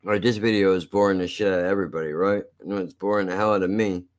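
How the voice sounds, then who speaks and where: Talking very fast in a low, steady voice, an American man chats casually on a live stream. He comes across blunt, profane, and self-deprecating, his speech slightly slurred and lisping like his teeth are gone.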